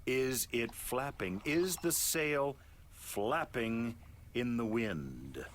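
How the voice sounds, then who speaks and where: An actor playing a gruff, sarcastic merchant sailor in a video game, speaking dryly. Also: male voice, lowish voice, very animated, slow, fairly bright tone, a little hiss or hum, heavily acted. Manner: dry, heavily sarcastic.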